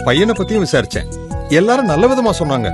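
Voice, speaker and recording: An older village father in a film, talking through his daughter's match in a genial, persuasive way. His voice is fairly high and lively. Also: fast talker, music in the background. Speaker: bride's father. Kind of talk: film acting.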